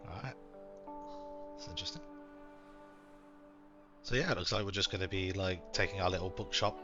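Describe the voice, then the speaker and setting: A man giving casual, unhurried let's-play commentary and reading game text aloud. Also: low voice, lo-fi sound. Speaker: gaming channel host. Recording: game music behind voice. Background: game music.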